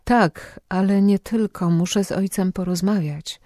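Male reader doing a hushed, tearful young woman, raised pitch, slow, dry close sound. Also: steady tone, dry recording. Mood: pleading, tearful. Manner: hushed, pleading, near tears. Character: frightened pregnant young woman at confession.

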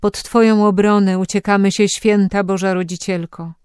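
A woman's voice: medium pitch, fairly even intonation, moderate pace, a little mellow, clear, resonant tone, no room sound, studio quality, lightly acted. A woman voicing a middle-aged priest leading a solemn, imploring prayer in an audiobook.

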